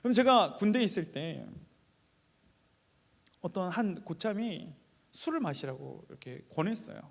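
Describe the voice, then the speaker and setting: A man preaches in a church with a high, gravelly voice, moving from hushed asides to raised appeals. The sound carries a long hall reverb. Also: sing-song, moderate pace. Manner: storytelling, swings between quiet asides and raised appeals. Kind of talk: sermon with personal story.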